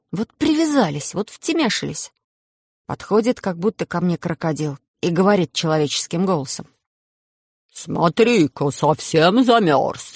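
A narrator reading a children's story aloud, giving the characters their own lines with changes in pitch and pace. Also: a little mellow, no echo, studio quality.

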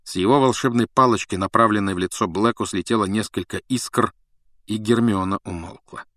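Low-voiced male audiobook narrator. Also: a bit bright, dry recording, studio quality. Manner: measured storytelling. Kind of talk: scripted narration.

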